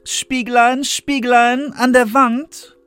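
An actor voicing a jealous evil queen disguised as an old peddler woman, shrill and wheedling, in a children's fairy tale reading. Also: little pitch movement, drawn-out words, fairly bright tone, smooth, soft background music, full character voice. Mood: commanding.

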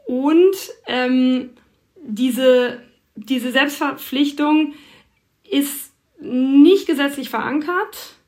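A woman's voice: high-pitched, drawn-out words, a little mellow. A woman correspondent answering interview questions, thoughtful and explanatory, with frequent fillers. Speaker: foreign correspondent.

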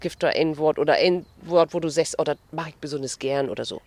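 A woman with a Low German accent hosting a casual radio interview, cheerful and quick to laugh. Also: darkish tone, no room sound. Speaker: radio host.

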